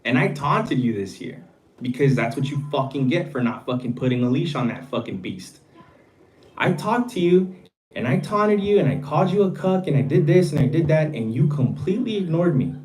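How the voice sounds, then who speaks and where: A man hosting a podcast, delivering a heated, profane rant and mocking others in a low voice. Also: expressive, normal speed, darkish tone, slight background noise, poor audio. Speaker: podcast host. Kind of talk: profane ranting monologue.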